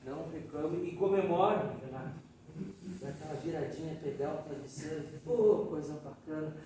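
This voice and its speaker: High-voiced Brazilian man lecturing in an echoey hall. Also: moderate pace. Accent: Brazilian Portuguese. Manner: lively, folksy, frequent tag questions. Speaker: Spiritist lecturer. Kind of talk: storytelling lecture. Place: Spiritist society hall. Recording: echoey hall, distant mic, faint noise.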